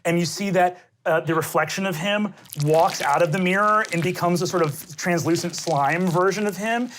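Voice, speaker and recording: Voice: mid-range voice, moderate pace, fairly bright tone, slight background noise. A game master vividly narrating gory scenes in a tabletop game.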